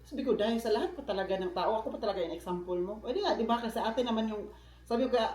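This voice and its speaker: A man's voice: sits high, very fast, darkish tone, a little hiss or hum. A man from the Philippines vlogging in a casual, chatty way, often turning to his viewers with asides. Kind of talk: casual vlog chat. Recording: roomy echo.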